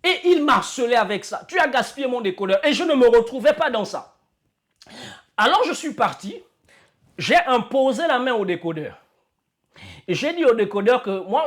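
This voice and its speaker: A man preaching a church sermon with fervor, repeating his phrases and breaking into shouts and cries. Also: very high-pitched. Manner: fervent, shouting and crying out in bursts, repeating phrases. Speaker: apostle preaching.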